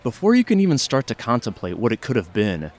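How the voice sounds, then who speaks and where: A man narrating a scripted documentary story in a measured true crime narrator manner, speaking straight to the listener. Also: medium pitch, huge pitch swings, a little mellow, a little hiss or hum. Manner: measured, addresses listener directly in present tense. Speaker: podcast narrator.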